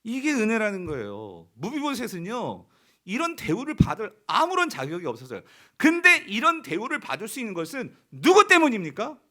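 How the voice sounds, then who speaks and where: Male pastor, sermon, high voice, lively swooping pitch, emphatic, asks the congregation questions. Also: fairly quick. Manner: acts out quoted dialogue dramatically.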